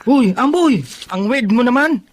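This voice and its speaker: An actress playing a blunt, teasing young coworker in an audio drama. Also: female voice, a little high, expressive, unhurried, slight background noise. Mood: puzzled.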